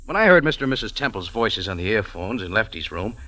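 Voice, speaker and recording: In an old radio drama set to background music, a man voices a tough, wry cafe owner who sleuths on the side, narrating in first person as the lead in clipped, dry 1940s-50s hard-boiled style. Cool and explanatory, his lowish voice is very animated, fast and sharp. The audio is poor, with no room sound.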